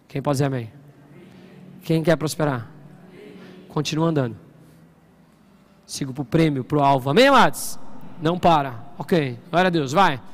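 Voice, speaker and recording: A male pastor preaching an animated Sunday sermon, often asking the congregation questions. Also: a little high. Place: church service.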